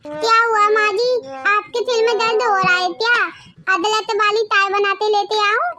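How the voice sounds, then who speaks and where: A woman's voice: extremely high pitch, steady tone, normal speed, heavy background noise. A woman voicing a sweet young bride in a cartoon story who talks with a childish lisp. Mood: innocent. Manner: lisping, innocent.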